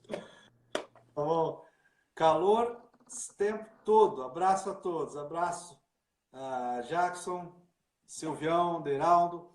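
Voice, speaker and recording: The pastor's fairly high voice moves slowly now, broken by long pauses. He's still the easygoing host of a video-call livestream chat, talkative and full of né and cara. Echo fills the room around him.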